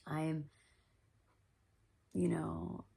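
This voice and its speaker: A woman hosting a podcast, talking earnestly about her own experience in a soft, reflective monologue that often drops to a whisper. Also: deep voice, flat delivery, drawn-out words, vocal fry, husky. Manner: earnest and self-reflective, with many fillers. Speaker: podcast host.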